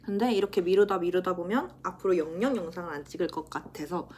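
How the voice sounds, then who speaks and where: A woman in her twenties, a university student, chatting casually to the camera in a vlog, self-teasing and quick to laugh. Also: fairly low pitch, a little mellow, slight background noise. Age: 20s.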